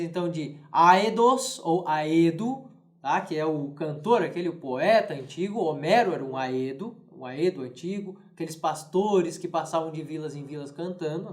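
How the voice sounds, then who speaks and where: A man with a Brazilian Portuguese accent giving an online classics lesson, explaining patiently with frequent "né?" and "tá?" and reading verses aloud in a rhythmic chant. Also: on the high side. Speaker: classics teacher.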